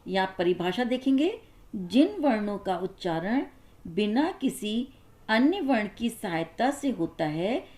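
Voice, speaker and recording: A woman teacher explains grammar rules slowly and carefully. She pauses to sound out each example, at an easy, measured pace. Her pitch sits at an ordinary middle height. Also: very animated, a little mellow. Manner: slow, explaining step by step with examples. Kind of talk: classroom grammar lesson.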